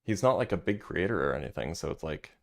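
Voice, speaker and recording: On a casual livestream, a man with a very low, deep voice and vocal fry talks fast through a physics paper. He reads passages aloud, then drifts into loose, chatty asides full of fillers, answering his chat in a relaxed, conversational tone.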